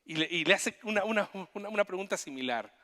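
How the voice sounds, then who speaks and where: A man preaching a sermon as pastor, animated, with frequent restarts and repetitions. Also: high-pitched, fast, long reverb tail. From Chile. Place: church sanctuary.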